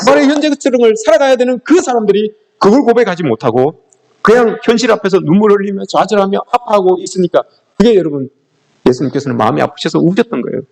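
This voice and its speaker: A man's voice: sits high, vocal fry, a little mellow. A man preaching a sermon as pastor, emphatic and often calling out to the congregation. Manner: emphatic, repeatedly addressing the congregation.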